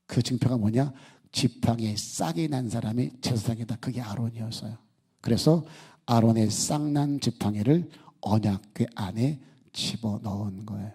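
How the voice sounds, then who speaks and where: A male pastor delivers a Sunday sermon in a mellow, slightly husky voice. He keeps it conversational, pausing to put rhetorical questions to the congregation. His pitch sits in an ordinary middle range. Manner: acts out quoted speech in the story.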